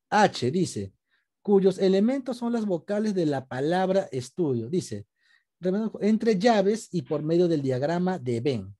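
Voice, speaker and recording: Patient male teacher, lively mellow voice. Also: high voice. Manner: patient, explains step by step, asks students questions. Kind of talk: online class lesson. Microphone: video call.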